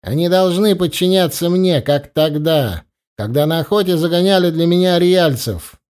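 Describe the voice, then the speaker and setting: Cunning male ruler, as a male narrator puts him on, falsely gentle, slow and menacing, raised pitch. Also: smooth, natural voice. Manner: coaxing, mockingly gentle, threatening.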